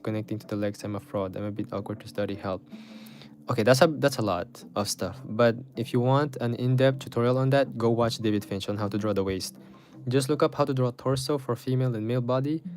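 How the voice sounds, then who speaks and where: A man chatting informally on a drawing livestream, slangy and often repeating words, as he reads and answers comments. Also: mid-range voice. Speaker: art livestreamer. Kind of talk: casual livestream chat while drawing, reading comments aloud. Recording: music playing behind the voice. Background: guitar music.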